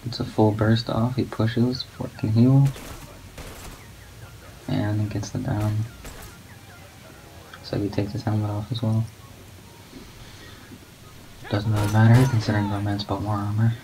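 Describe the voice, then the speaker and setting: A man giving low-key, monotone play-by-play commentary on a competitive match as a guest commentator. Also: measured pace, long pauses. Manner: not much of a talker. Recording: steady background noise.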